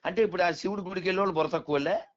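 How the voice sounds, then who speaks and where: In a dull, lo-fi recording, a high-voiced man talks at rapid-fire speed about spiritual matters. He explains his points conversationally, throwing out rhetorical questions and gently drawing his listener along.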